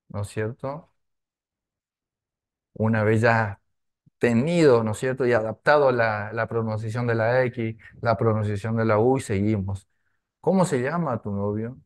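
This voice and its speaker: A man teaching a language class, going slowly and checking often that his students follow. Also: mid-range voice. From Argentina. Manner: slow, repetitive, with frequent tag questions.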